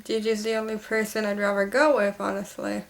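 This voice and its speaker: Young woman, home vlog, gravelly voice with some fry, rambling and self-correcting. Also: medium pitch, flat delivery, brisk. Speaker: vlogger. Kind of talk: casual home vlog chat.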